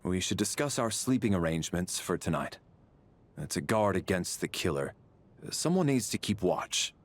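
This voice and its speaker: A dutiful military agent in a video game, measured and precise. His low voice still rises and falls with lively shape. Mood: formal.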